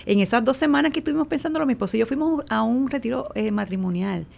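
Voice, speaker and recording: A woman's voice: on the high side, expressive, quick pace, vocal fry, a little mellow. A middle-aged woman, a guest in an interview, tells a personal story in conversation, acting out the quoted lines and using many fillers.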